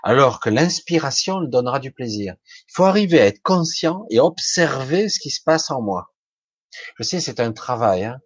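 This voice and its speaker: Husky-voiced man giving a lively pep talk. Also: medium pitch, moderate pace, dry recording. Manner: colloquial and blunt, with mild swearing, acts out inner voices. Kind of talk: informal motivational talk addressed to the listener.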